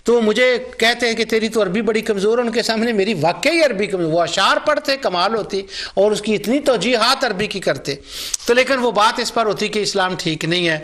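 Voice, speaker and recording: Middle-aged male scholar with a high voice, emphatic lecturer who acts out remembered dialogue. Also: lively intonation, fairly bright tone. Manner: emphatic, stresses points with repetition. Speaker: Islamic scholar and Quran reciter. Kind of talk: religious lecture with personal anecdotes.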